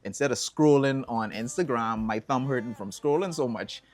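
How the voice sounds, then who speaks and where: A Bahamian man telling stories as an interview guest, relaxed and chatty, with bursts of excited whoops. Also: mid-range voice, moderate pace. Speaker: songwriter and environmental advocate guest. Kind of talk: casual interview answers.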